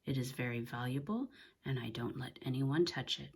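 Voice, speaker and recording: Storybook old witch, female, read by a woman narrator: commanding, instructive, husky edge, incantatory. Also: very deep voice, normal speed, full character voice. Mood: firm. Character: old village witch, singing spells, bossy and firm.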